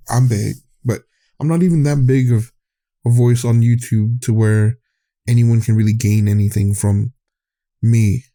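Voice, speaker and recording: A man with a medium-pitched, warm voice hosts his own podcast, delivering a candid, rambling monologue. He often trails off and starts again, and his voice grows tired.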